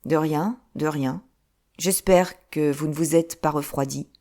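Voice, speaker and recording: A woman reading an audiobook, voicing a calm young adventurer with a dry, witty manner, close to her own voice. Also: deep voice, a little slow.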